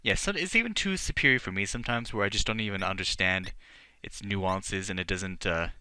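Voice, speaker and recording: A man's voice: fairly low pitch, brisk, bright, forceful tone, smooth. A man giving casual, mock-grand, tongue-in-cheek commentary as the host of a let's play. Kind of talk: casual video game commentary.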